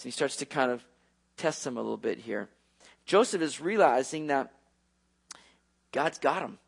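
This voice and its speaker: A man preaching a sermon, retelling a story with lively asides to his listeners. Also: a little high, vocal fry.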